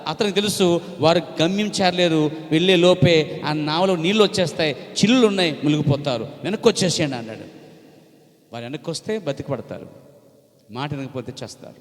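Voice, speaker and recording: A man's voice: a little high, fairly quick. Emphatic preaching man in an echoing hall. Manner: emphatic preaching, rising to shouts on key phrases. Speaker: pastor. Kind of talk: sermon. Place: church hall. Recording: long hall reverb.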